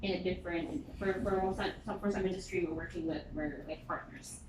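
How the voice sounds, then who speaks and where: A woman's voice: fairly low pitch, steady tone, a little fast. A woman in her thirties with a Filipino accent, interviewing someone in a casual, chatty and directive way. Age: 30s. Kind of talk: casual job interview chat. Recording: echoey noisy room.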